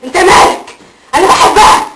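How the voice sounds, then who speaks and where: A woman in an amateur film playing a spiteful demon that has possessed a young girl, snarling and shouting back. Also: fast talker, natural voice. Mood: furious. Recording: roomy, distant and noisy.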